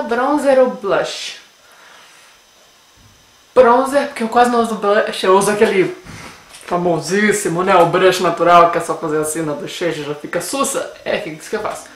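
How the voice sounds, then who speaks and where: A medium-pitched young Brazilian woman in her twenties, Brasília accent, casually and playfully answers a beauty tag for her viewers. She's on a webcam in a small indoor room at home with a bookshelf; the sound carries roomy echo and faint noise.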